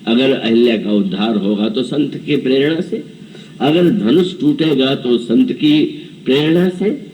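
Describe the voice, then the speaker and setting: Speaking a little slowly in a mid-range, slightly mellow voice, a preacher in his seventies tells a scripture story in a devotional discourse, acting out the dialogue of its characters and chanting verses. The mic is distant and the recording low quality.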